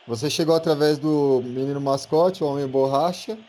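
A man's voice: fairly high pitch, moderate pace, mellow. A man hosting a casual podcast, interviewing a guest in a playful, teasing way. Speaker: podcast host.

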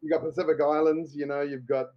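A man's voice: a little high, level tone. New Zealand man, slightly muffled audio. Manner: chatty, halting restarts. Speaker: guest comedian. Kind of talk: casual podcast chat.

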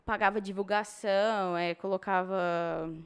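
A woman's voice: medium pitch, fairly even intonation, unhurried, clean tone. A young adult woman with a Brazilian Portuguese accent, telling her story casually as an interview guest, in slangy speech that acts out past dialogue.

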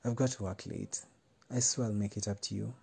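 A man's voice: lowish voice, fairly even intonation, brisk, creaky, a little mellow, husky, exaggerated voice. A man voicing a flustered young woman apologizing to her friend in a spoken story. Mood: apologetic.

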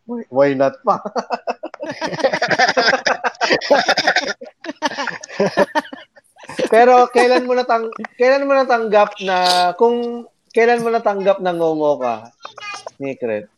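A man's voice: very high voice, expressive, unhurried, a little hiss or hum. A man hosting a casual podcast chat, teasing his guests in a playful way. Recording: dull lo-fi sound.

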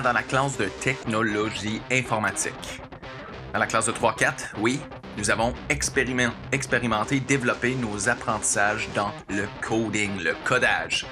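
Guy teacher presenting his class, steady and explanatory, guitar music under it. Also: mid-range voice. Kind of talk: scripted presentation.

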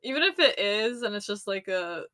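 A young woman co-hosting a podcast, chatting casually with relaxed, agreeable asides. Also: mid-range voice, moderate pace, no echo, studio quality. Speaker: podcast co-host. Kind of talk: casual chat.

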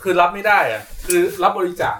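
Fast-talking man telling stories. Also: sits high, expressive, crowd noise. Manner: storytelling, quick and chatty. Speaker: podcast co-host. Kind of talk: casual chat.

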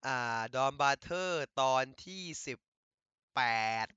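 A man excitedly retelling an anime episode in casual chat, laughing often and using crude slang. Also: medium pitch, takes it slowly, smooth, no room sound, lo-fi sound. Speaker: anime recap host.

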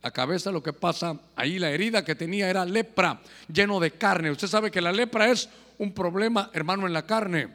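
A man's voice: high voice, normal speed, sharp tone, long reverb tail. A man preaching a fervent sermon, often addressing his listeners as brother. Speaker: pastor.

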